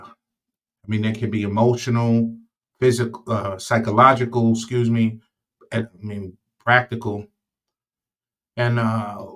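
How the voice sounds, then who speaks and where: A man hosting a casual recovery talk, earnest and halting, with many fillers and restarts, getting louder on the words he stresses. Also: mid-range voice. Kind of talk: casual monologue.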